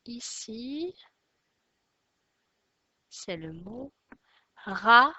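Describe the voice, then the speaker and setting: Slow, bright-voiced woman teacher. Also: medium pitch, animated, no echo. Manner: slow and deliberate, stressing each word loudly. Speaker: primary school teacher. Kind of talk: slow, careful recorded reading lesson. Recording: dry, dull lo-fi recording.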